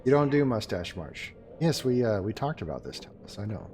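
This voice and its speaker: This man's voice sits on the low side with a darkish tone, moving through big pitch swings at a slightly quick pace over soft background music. He's livestreaming a game, chatting casually with his viewers and joking with the chat as he plays.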